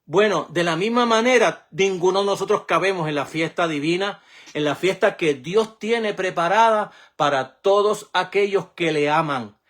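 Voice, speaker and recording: A man's voice: high voice, moderate pace, fairly bright tone. A middle-aged man, a pastor, preaching a sermon in a conversational way, often repeating his words. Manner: conversational preaching, frequent repetitions.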